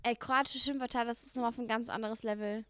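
A young woman co-hosting a casual podcast chat, animated, laughing and swearing freely. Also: on the high side, fast talker, no room sound, studio quality. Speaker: podcast co-host.

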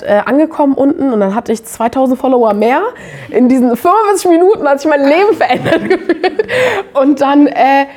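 A young woman poet speaks on a live panel in a relaxed, chatty way. Her voice is mellow and a little higher than average, and she tells her stories with lively energy. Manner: casual, animated storytelling with laughs.

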